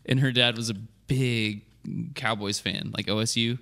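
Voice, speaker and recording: A man in his thirties with a bright, forward voice tells rambling stories in relaxed podcast chat. He breaks into laughter mid-sentence and keeps talking through it. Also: fairly low pitch, unhurried. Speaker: podcast co-host. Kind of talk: casual chat.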